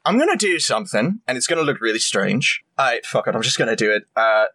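A man's voice: medium pitch, very animated, quick pace, sharp tone, heavily acted. A man voicing a crafty male goblin hiding in human disguise, chatty and hesitant. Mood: casual.

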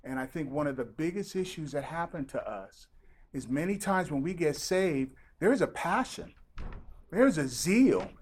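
Animated man preaching with lively pitch. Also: normal speed, breathy edge. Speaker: pastor. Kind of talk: sermon.

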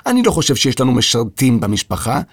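A man's voice: mid-range voice, huge pitch swings, husky, no echo, clean studio sound, heavily acted. A man voicing a polite, earnest young boy composer in a children's audio story. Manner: polite, earnest, slightly prim.

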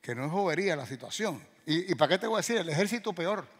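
An older man from Cuba, a pastor telling a story in a sermon, animated and acting out dialogue and sound effects. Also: fairly high pitch, fast, husky, in a large hall.

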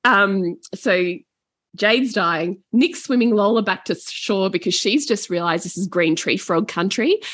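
A middle-aged woman, telling holiday stories in a casual chat and slipping into animated voices for the people in them. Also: mid-range voice, unhurried, no echo, studio quality. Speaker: podcast guest. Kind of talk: casual storytelling.

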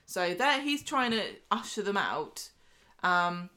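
A woman's voice: medium pitch, lively intonation, sharp tone. A woman co-hosting a podcast, chatting casually about a soap opera and acting out the characters' lines. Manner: chatty, acts out characters' lines in quick voices. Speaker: podcast co-host. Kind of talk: casual chat recapping a soap.

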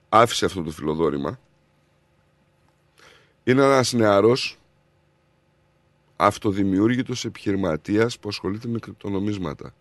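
A man's voice: on the low side, no echo. A man co-hosting a radio show, telling a story in a teasing, casual banter.

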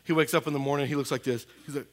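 A man, a pastor preaching a sermon in a church in a lively, conversational way with frequent asides to the congregation. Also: mid-range voice, rapid-fire. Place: church sanctuary.

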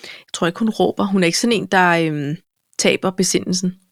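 A woman's voice: on the low side, no room sound, studio quality. A woman co-hosting a casual chat, with wry jokes and playful teasing.

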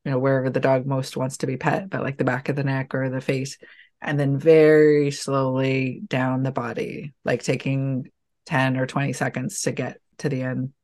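A woman giving calm, measured and reassuring advice in a relaxed conversation. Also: rumbling low. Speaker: podcast guest.

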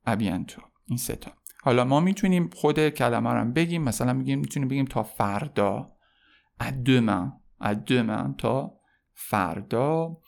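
Gravelly man teaching French by podcast. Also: mid-range voice. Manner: relaxed explaining with many filler ums, slows to model French phrases. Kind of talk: podcast language lesson.

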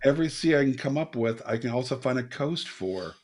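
A man's voice: medium pitch, animated, brisk, darkish tone, slight background noise. A man playing a trivia game, joking and teasing the others. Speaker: quiz player. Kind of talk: casual banter.

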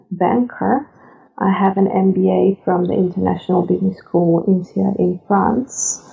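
A woman, a chef guest on a podcast, answering in a measured way with many hesitations. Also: mid-range voice, creaky. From Serbia. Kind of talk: interview answers. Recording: tinny phone-like line.

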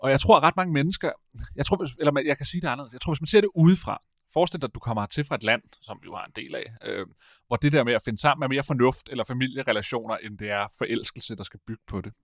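A man in casual conversation as a podcast host, rambling and animated, often stopping to correct himself. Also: medium pitch, no room sound, studio quality. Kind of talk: casual chat.

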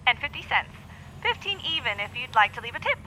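Woman voicing a condescending drive-thru barista: high, lively and bright, muffled through the speaker box. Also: quick pace. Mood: impatient. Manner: snippy and condescending. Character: curt, impatient young female coffee barista.

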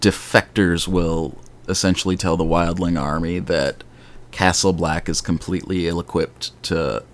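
Deep male podcast host, casual fan-chat delivery, rambling and animated. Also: unhurried.

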